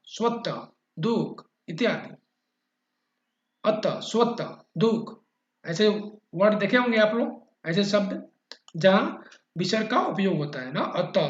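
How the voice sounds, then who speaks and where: A man teaching a grammar lesson, patiently repeating key terms and checking in often with his listeners. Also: high voice. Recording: echoey dull-sounding room.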